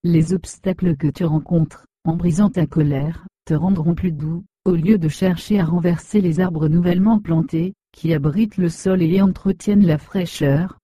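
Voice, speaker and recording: A woman reading the part of a wise, kindly old woman who gently guides and admonishes a child. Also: lowish voice, no room sound, natural voice. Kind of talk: storybook reading.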